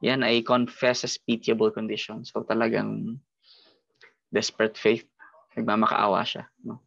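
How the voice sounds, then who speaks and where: A man's voice: lowish voice, monotone, a little slow, creaky, a bit bright, no room sound, highs cut off. A man with a Filipino accent leading an online Bible study lesson, explaining step by step and often ending phrases with a tag question. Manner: explains with frequent tag questions and mixes English into Tagalog.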